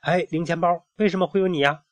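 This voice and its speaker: Dad doing a shy little boy in a bedtime story, voice pushed up higher, dry close sound. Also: steady tone, fast talker, dry recording, lightly acted. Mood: wistful. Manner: plaintive, wondering questions. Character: small timid curious boy.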